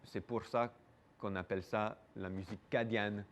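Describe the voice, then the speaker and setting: A man's voice: fairly low pitch, fairly even intonation, normal speed, a bit bright, slight background noise. A man giving hesitant, explanatory answers in a casual interview. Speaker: museum interviewee.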